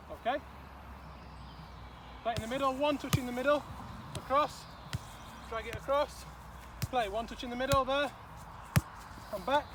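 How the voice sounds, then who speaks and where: A man's voice: high voice, fairly bright tone. A man coaching a football drill outdoors, explaining and demonstrating with frequent "okay" and "all right". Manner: instructive, repeats okay and all right often. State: out of breath at times. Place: outdoor pitch. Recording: distant mic, outdoor noise.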